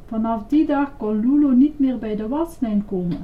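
A woman reads a children's story aloud with lively, expressive delivery. Her voice sits fairly high. The recording is dull and muffled. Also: moderate pace.

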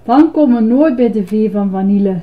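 A woman's voice: lively intonation, brisk, close to an everyday voice. A woman voicing an impatient little girl who grumbles and urges others to hurry, on a dull lo-fi recording. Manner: impatient, grumbling, shrill when alarmed.

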